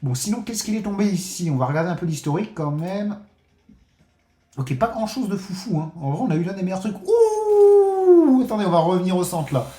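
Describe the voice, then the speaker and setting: Speaking fast in a fairly high voice, a casino streamer calls out his bets live, excitable and prone to swearing. His gambling commentary is aimed straight at viewers he treats as friends, and the echoey room gives his voice a slight ring.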